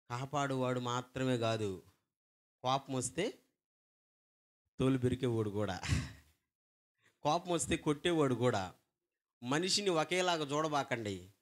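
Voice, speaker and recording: A man preaching a sermon to a congregation. He asks rhetorical questions, tells stories, and urges his listeners to call back loudly. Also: fairly high pitch. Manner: call-and-response, urging the congregation to shout back. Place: church hall before a congregation.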